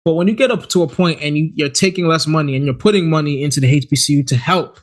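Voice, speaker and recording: Speaking quickly in a fairly high voice, this man co-hosts a podcast and keeps the chat casual and animated. He frequently stammers and starts his sentences over.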